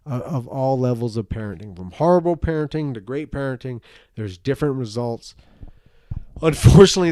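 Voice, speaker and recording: A man's voice: mid-range voice, a little mellow, no echo, studio quality. A drunk man on a rambling rant to an online audience, earnest and emphatic, repeating himself and speaking bluntly. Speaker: parent giving personal opinions.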